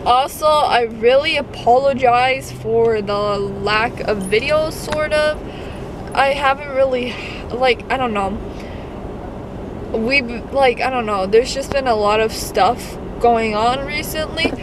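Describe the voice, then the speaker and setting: A woman's voice: on the high side, takes it slowly, background noise. A teenage girl chatting casually while she drives, rambling with lots of fillers. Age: teens. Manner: rambling, hesitant, frequent fillers. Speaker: vlogger. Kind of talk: casual drive-along vlog chat. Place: inside a car, driving. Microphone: dash-mounted camera mic. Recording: loud music under the voice. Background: loud Christmas music from the car radio.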